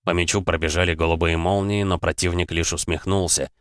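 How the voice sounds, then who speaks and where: A man narrating a fantasy story in first person, steady and even. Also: sits low, a little fast, smooth, no echo, clean studio sound. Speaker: audiobook narrator.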